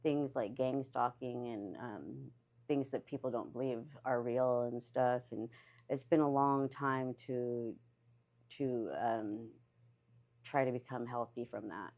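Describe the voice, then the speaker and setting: Low-voiced woman, halting speech. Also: steady tone, a little mellow. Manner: hesitant, many fillers, bursts of laughter. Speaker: interviewee, barista in recovery. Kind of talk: candid personal interview.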